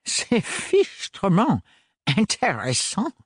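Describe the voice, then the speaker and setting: A man voicing an excitable, eccentric male scholar and father who exclaims and slips English words into his speech. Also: high-pitched, very slow, slightly rough, dry recording, clean studio sound, pitched above the performer's own voice, heavily acted. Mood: delighted.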